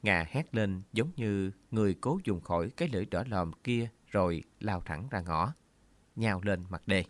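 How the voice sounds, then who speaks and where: Man reading a story out loud, lowish voice, steady and earnest, dry close mic. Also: moderate pace, no echo. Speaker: narrator. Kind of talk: story narration.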